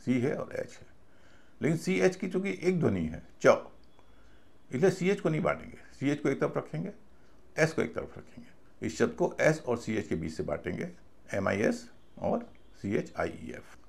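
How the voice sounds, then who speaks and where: A man's voice: medium pitch, creaky. A man teaching a recorded video class, explaining patiently and spelling out words letter by letter. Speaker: English pronunciation teacher.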